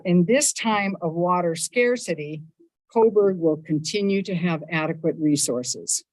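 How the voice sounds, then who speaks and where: A mayor gives a prepared state of the city address in a council chamber, her lowish voice loud, measured and upbeat as she stresses each item in her lists. The council meeting microphone captures her close and dry, with poor audio quality.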